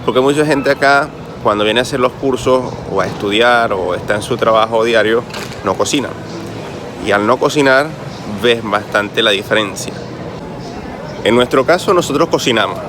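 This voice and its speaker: A Caribbean man with a Caribbean Spanish accent talks straight to his viewers in a chatty, explanatory travel vlog. His voice sits at an ordinary middle pitch, recorded out on a city street with traffic and urban noise clearly behind him. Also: normal speed. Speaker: travel vlogger. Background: traffic and street ambience.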